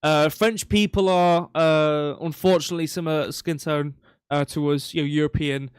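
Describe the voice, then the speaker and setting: A man's voice: a little high, steady tone, normal speed, clear, resonant tone, dry recording, studio quality. A man hosting a quiz on a live stream, chatty and rambling, with mock-indignant rants. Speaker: quiz host.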